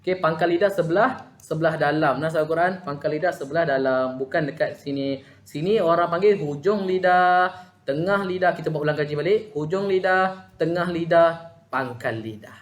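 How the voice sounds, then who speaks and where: A man with a Malaysian Malay accent teaching Quran recitation in an online lesson, patiently sounding out letters. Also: a little high. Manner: patient, demonstrates letter sounds slowly, frequent "ha". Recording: echoey room.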